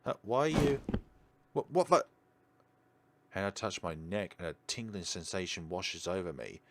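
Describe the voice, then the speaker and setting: A gaming video host with a low, lively voice at normal speed does let's play commentary, reading visual novel text expressively and adding chatty asides. Game music plays behind him, with some background noise.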